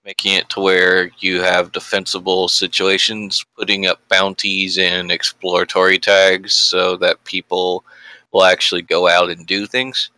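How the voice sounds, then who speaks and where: A man's voice: low voice, monotone, a little slow, bright, forceful tone, no echo, poor audio. A man chatting casually on a podcast as a co-host, explaining things in a wordy way.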